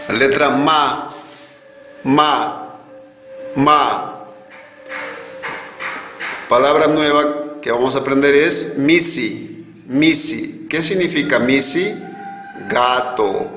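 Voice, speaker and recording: A man teaching a language class to children, slowly saying each letter and word and repeating it. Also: fairly high pitch, bright, forceful tone. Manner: slow, patient, repeats each sound twice. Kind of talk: slow classroom drill, repeating words for students. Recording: roomy echo with long reverb and faint hiss.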